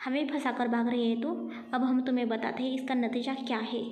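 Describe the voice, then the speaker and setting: A woman's voice: fairly high pitch, fairly even intonation, fairly quick, darkish tone, lightly acted. Taunting street thugs, as a woman reads them. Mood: threatening. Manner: leering, taunting. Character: two menacing street thugs, male adults. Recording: echoey room with faint music.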